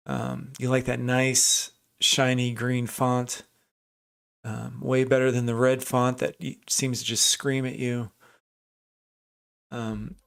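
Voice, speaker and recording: Medium in pitch with a creaky quality, this man runs a live day-trading stream. He keeps it casual, thinking out loud, chatting, restarting his sentences, and naming chat viewers as he answers them.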